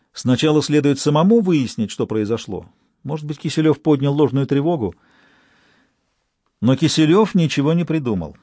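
A man narrating a detective novel as an audiobook in a measured, even way. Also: medium pitch, no room sound. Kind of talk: scripted narration.

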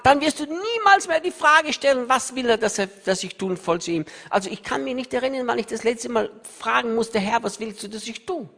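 A man's voice: extremely high pitch, lively intonation, brisk, gravelly, few pauses. Tearful man preaching in a big hall. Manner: emotional, tearful, laughs often, wide swings between loud emphasis and soft asides. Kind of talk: sermon. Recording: reverberant hall, voice sometimes off-mic.

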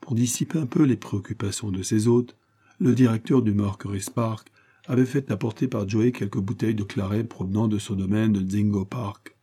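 A husky man with a fairly low voice narrates a classic novel as an audiobook reader, moving at a moderate pace. He keeps the storytelling even and raises his voice for the characters' quoted lines.

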